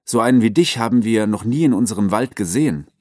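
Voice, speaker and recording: A man reading aloud and voicing a wounded male wolf, leader of his pack, who talks calmly and reassuringly. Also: on the low side, quick pace, no room sound, pitched above the performer's own voice. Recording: dry close recording.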